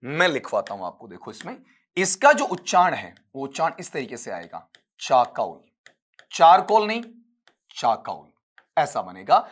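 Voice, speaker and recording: A man, teaching English pronunciation for an exam, coaching his students as "beta" and breaking words into sounds slowly. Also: medium pitch, wildly swooping pitch, fairly bright tone, slightly rough. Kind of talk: exam paper solution lesson.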